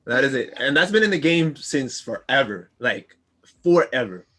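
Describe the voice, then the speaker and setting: A man co-hosting a casual gaming podcast, laid-back and laughing, getting animated as he rants. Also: medium pitch, normal speed. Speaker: podcast co-host.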